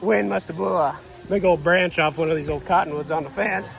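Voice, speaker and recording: A hoarse man, a rancher filming his workday, talking in a laid-back, folksy, plainspoken way outdoors among cattle. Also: a little high, fairly quick, over music. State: hoarse from yelling. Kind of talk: casual vlog narration. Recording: outdoor noise with cattle and machinery.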